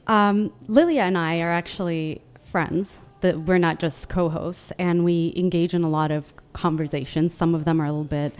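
A young woman from Yemen with a slightly low voice, co-hosting a live radio show from a hotel studio. She talks candidly and openly, slipping into quoted voices as she tells stories. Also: steady tone, moderate pace, few pauses, darkish tone, faint music behind. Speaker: podcast co-host. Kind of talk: casual radio chat.

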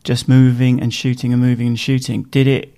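Gravelly-voiced male interviewer, easygoing. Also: medium pitch, flat delivery, brisk, dark tone. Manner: easygoing, rambling questions with many backchannels. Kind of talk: casual interview questions.

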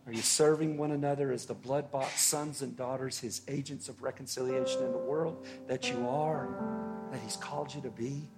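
A man preaching a sermon as pastor, earnest and unhurried, with long pauses and words that fall away softly. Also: mid-range voice, fairly even intonation, loud music behind the voice. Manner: slow, earnest preaching with long pauses and soft drops in volume.

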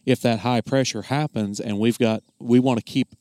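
A man giving a casual technical explanation as a craftsman, plainspoken and folksy, often halting and repeating words. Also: medium pitch, steady tone, warm tone, no echo. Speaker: gunsmith explaining his craft.

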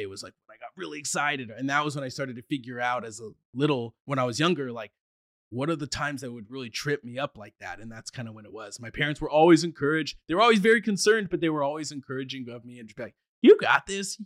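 A man's voice: mid-range voice, fast, fairly bright tone, no room sound, clean studio sound. A man who stutters at times, talking casually as a podcast guest. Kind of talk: casual conversation.

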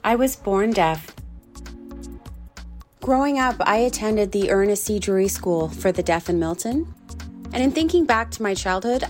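A woman giving a first-person voice-over interpretation of a signer's words, in a calm, measured delivery. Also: mid-range voice. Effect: interpreter's voice-over translating sign language. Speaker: sign language interpreter.

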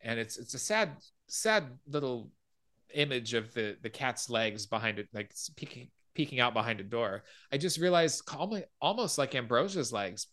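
Man, podcast host, casual film recap, bright voice, acts out quotes. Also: medium pitch, lively intonation, normal speed. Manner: retelling scenes, acting out quoted lines.

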